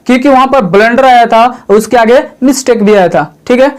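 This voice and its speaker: Guy with a really high voice doing a grammar lesson, asks himself questions then answers, keeps repeating stuff. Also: a little fast. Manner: calls the viewer "sir" in a chatty teaching tone. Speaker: English grammar teacher.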